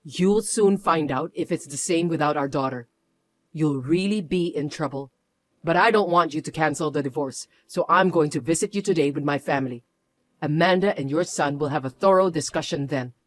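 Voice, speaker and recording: A reader voicing a middle-aged protective mother who speaks low, cold and firm in a scripted audio story. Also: normal speed, dry recording, close to an everyday voice.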